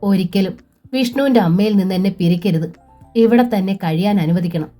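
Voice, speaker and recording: A woman voicing a gentle young widow, pleading and emotional, in a storybook reading. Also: mid-range voice, a little fast, soft background music, close to an everyday voice. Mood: tender.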